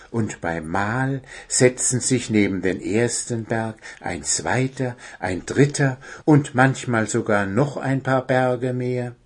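Slow, calm man reading a children's story. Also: medium pitch. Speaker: narrator. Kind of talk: scripted storybook narration for children.

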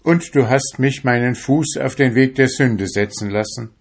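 A man's voice: medium pitch, moderate pace, creaky, pitched above the performer's own voice. A man voicing an anguished, defiant young fisherman in a storybook reading, crying out and accusing. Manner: cries out, pleading and accusing.

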